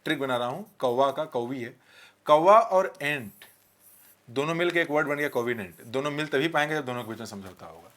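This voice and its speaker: A man teaching vocabulary with memory tricks, asking rhetorical questions and repeating key words slowly. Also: medium pitch, lively intonation, a bit bright. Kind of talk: vocabulary lesson with mnemonics.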